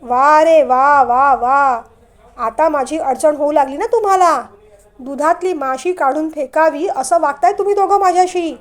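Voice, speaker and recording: A woman's voice: high-pitched, normal speed, lightly acted. Brief: woman doing a mischievous younger brother, mock-hurt and teasing, storybook reading.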